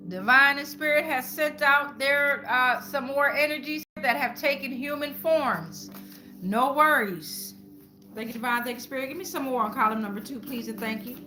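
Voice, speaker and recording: A woman hosting her channel gives viewers an informal spiritual tarot reading in a slightly high, sharp voice. She talks colloquially and repeats phrases like incantations.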